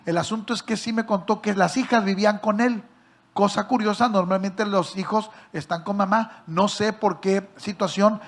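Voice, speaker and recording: Male pastor, high voice, sermon storytelling, acts out voices, asks the congregation questions. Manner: acts out quoted voices with big swings in loudness; addresses listeners directly with questions.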